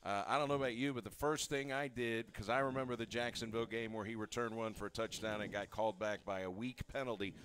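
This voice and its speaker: A man's voice: fairly low pitch, steady tone, fast talker, few pauses, a bit bright, a little hiss or hum. A man hosting a sports interview show, eagerly recapping plays with stats before asking the coach questions.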